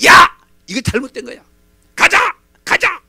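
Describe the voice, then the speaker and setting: Brief: man doing a proud general in a sermon retelling, barks high sharp yells, big swings in his voice. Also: big pitch swings, fast, dry recording, clean studio sound, exaggerated voice. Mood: indignant. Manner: indignant shouting, bursts out in high yells. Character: proud angry foreign army general, middle-aged man.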